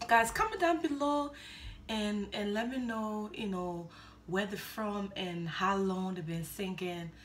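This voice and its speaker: A woman's voice: medium pitch, a little slow, a little hiss or hum. A middle-aged woman hosting a music reaction video, chatting enthusiastically to viewers from a small room. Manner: enthusiastic, repeats words, addresses viewers as guys. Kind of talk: casual reaction commentary. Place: indoors, small room, seated in gaming chair.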